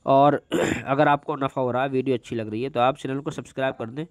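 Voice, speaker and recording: A man teaching Quran reading, spelling each word syllable by syllable in long drawn-out tones with quick spoken asides between, in an Indian Urdu accent. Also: medium pitch, steady tone, dry recording, studio quality. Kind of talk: slow spelling-out recitation lesson.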